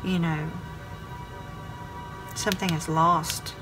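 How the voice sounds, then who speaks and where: Taking it slowly in a low, level voice, a woman gives her weekly tarot reading. She talks straight to the viewer sign by sign and circles back over what she says, with music clearly audible under her voice.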